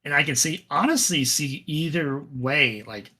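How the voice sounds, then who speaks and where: A man co-hosting a podcast, chatting casually about a tabletop wargame with a relaxed, rambling delivery full of fillers and restarts. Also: fairly high pitch, unhurried. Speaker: podcast co-host.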